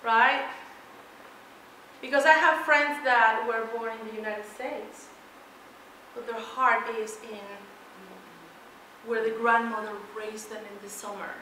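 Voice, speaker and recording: A middle-aged Mexican keynote speaker addresses students from the front of a big lecture hall, her voice on the high side, slow and often pausing, yet bright and forceful as it jumps on key words. Emphatic and energetic, she laughs a lot and moves around while talking. A far-off room mic gives strong echo and a little hiss or hum.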